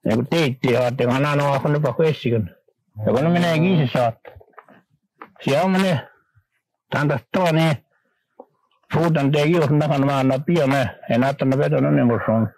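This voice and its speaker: An older man from Manitoba, Canada, a guest on a radio interview, recalling old times in a rambling, halting way with many restarts. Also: fairly high pitch, a little mellow, no echo, rough recording.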